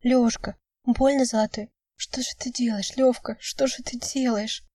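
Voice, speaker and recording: A woman's voice: fairly high pitch, steady tone, normal speed, warm tone, no room sound, pitched above the performer's own voice, natural voice. A woman voicing a tearful young woman pleading with her lover in an audiobook.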